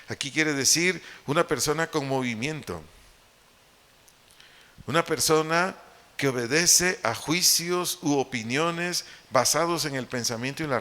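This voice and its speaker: A man with a Mexican Spanish accent preaches in a church hall, his bright voice trailing off into a long reverb. He teaches patiently, repeating his main points and asking the listeners questions as he goes. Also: medium pitch. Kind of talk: sermon.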